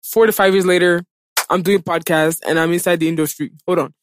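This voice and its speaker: A woman's voice: lowish voice, steady tone, fairly quick, a little hiss or hum. A woman podcast host talking casually but with passion, emphatic and repeating phrases to drive her points home. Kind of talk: impassioned casual podcast talk.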